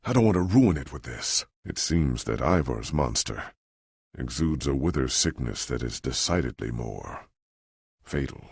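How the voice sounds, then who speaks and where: Voicing an ageing, noble adventurer hero for a video game, this male actor speaks very deep, gravelly and husky, a little slowly but with animation. His performance is heavily acted, solemn, earnest, grave and formal, with a regretful mood. The sound is dry and clean, recorded in a studio.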